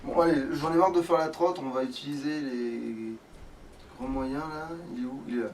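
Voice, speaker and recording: A gamer in a let's play video gives casual, slangy commentary full of swearing as he plays. His voice is medium in pitch and a little mellow, with fairly even intonation and a moderate pace. The mic is distant and picks up background noise.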